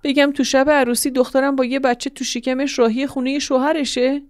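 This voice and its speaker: A woman's voice: flat delivery, dry recording, clean studio sound, lightly acted. A woman voicing a distraught middle-aged mother who wails and cries out in shame. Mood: anguished. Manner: wailing, shrill, crying out.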